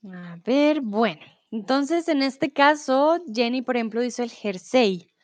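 With a fairly high, animated, slightly mellow voice, a Spanish teacher reads riddles deliberately in a live online lesson and patiently responds to students in the chat. She explains by moving between Spanish, English, and German. There's no echo.

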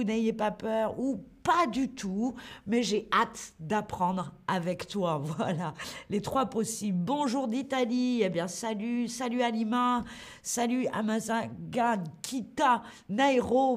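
A woman leads a live online French lesson, her voice sitting a little high. She talks slowly and clearly, encouraging viewers and greeting them by name as she goes. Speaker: French teacher hosting a livestream.

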